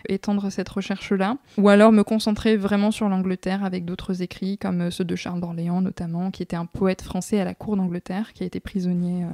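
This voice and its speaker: Young woman explaining, mellow and dry. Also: mid-range voice, level tone, fairly quick, hardly any pauses, no echo. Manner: thoughtful, frequent hesitations. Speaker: guest researcher. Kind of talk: explanatory interview answers.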